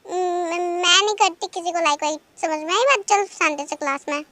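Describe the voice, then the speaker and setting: A woman's voice: very high voice, a little fast, sharp tone, no echo. A woman voicing a stubborn, lazy teenage schoolgirl who whines and sasses her way through a fan audio story. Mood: sassy. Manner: whiny, sulky and sassy.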